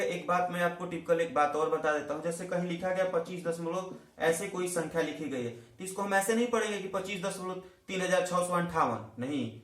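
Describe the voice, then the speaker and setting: Echoey male math teacher quizzing students. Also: fairly high pitch. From India. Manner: asks questions and answers them himself; addresses students directly, repeats key terms. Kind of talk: classroom math lesson. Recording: echoey room.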